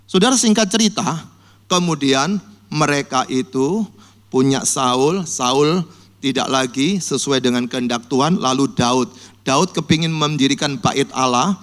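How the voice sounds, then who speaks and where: A male pastor preaching a sermon, telling Bible stories vividly and acting out people's cries for help in a high voice. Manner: lively storytelling, acts out cries in a high voice. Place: church.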